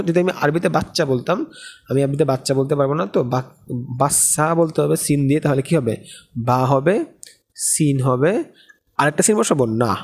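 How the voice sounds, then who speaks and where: Husky man teaching a lesson. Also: medium pitch, darkish tone. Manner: explains step by step with frequent checking questions. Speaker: Arabic teacher. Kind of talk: recorded lesson lecture.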